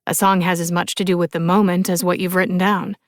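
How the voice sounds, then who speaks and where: Laid-back young rocker, read by a woman, calm and soft, dry close read. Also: on the low side, fast talker, dry recording, natural voice. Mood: earnest. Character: young man, laid-back rock musician. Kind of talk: audiobook character voice.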